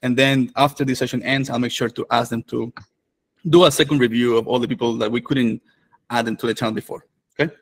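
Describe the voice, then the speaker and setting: A Venezuelan man whose first language is Spanish, a developer advocate and course host, introduces a live online course while hosting a video call. His mid-range voice moves at a quick pace, relaxed and full of fillers and restarts.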